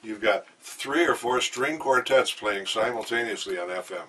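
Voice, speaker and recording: With a mid-range, pushed and bright voice at normal speed, an older man being interviewed in a hotel room wanders through enthusiastic anecdotes loaded with fillers. The recording comes from a distant mic and carries faint background noise.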